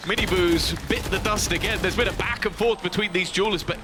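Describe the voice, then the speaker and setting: Higher-pitched male esports caster over music. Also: a little fast. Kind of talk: live esports commentary, play-by-play and analysis.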